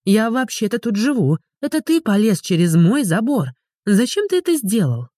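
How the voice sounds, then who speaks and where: A woman's voice: mid-range voice, very animated, moderate pace, dry recording, studio quality, voice pushed up. A woman reading a snappy, feisty young woman. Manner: sharp, snappy, indignant. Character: feisty bossy young woman, quick-tempered. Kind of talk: audiobook character voice.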